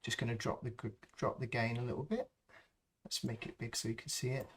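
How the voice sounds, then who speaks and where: A man hosting a live stream, calmly talking through a sound-design process step by step and thinking aloud as he works. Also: mid-range voice, slight background noise. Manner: slow, thinking aloud as he works, with frequent ums. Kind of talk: unscripted tutorial walkthrough.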